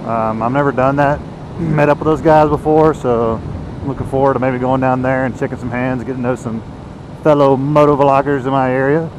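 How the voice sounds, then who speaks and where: An American man motovlogs while riding a motorcycle on the road, rambling casually into a mic inside his helmet. His mid-range voice is steady, a little fast and darkish in tone, and the noisy recording carries engine and road noise.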